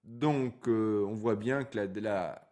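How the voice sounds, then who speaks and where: A man's voice: lowish voice, takes it slowly, mellow. A man hosting a stock chart channel, giving blunt, colloquial market commentary over a screen recording, stumbling over words now and then.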